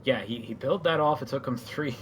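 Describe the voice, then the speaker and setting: A man's voice: mid-range voice, fairly quick, a little hiss or hum. A man casting a live video game match as host, chatty and explanatory as he breaks down the play. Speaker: esports caster.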